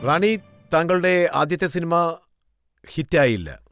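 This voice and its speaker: A man's voice: fairly high pitch, lively intonation, takes it slowly, a bit bright, soft background music. A man hosting a television interview show, asking probing, teasing questions of his guest. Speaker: talk-show host. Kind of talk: mock-courtroom TV interview.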